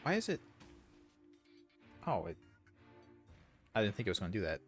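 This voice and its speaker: A man's voice: lowish voice, huge pitch swings, normal speed, a bit bright, faint music behind. Rambling opinionated male gaming streamer. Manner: rambling, opinionated, wandering asides. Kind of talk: casual gameplay commentary.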